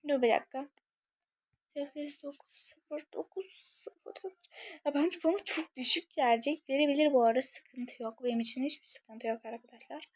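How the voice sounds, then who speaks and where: Young woman, high voice, a bit husky, chatty game commentary, dry close mic. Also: a little mellow, no echo. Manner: chatty, addresses viewers often, thinks aloud. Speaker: gaming channel creator.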